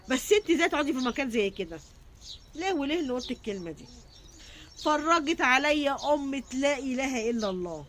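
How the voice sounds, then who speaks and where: Woman, rural Egyptian accent, very rapid delivery, high voice, indignant, casual storytelling. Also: a bit bright, slight background noise. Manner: indignant, repetitive, quotes others in dialogue.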